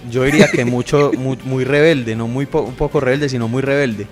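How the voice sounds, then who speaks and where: A Colombian man in his thirties, a podcast guest chatting casually and telling his own story in a relaxed way. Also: medium pitch, brisk, faint music behind. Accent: Colombian Spanish. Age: 30s. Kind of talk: casual interview chat.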